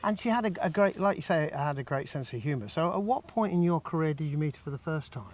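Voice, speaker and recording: A man interviewing conversationally, agreeing and gently prompting as he listens. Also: a little high, lively intonation, fast.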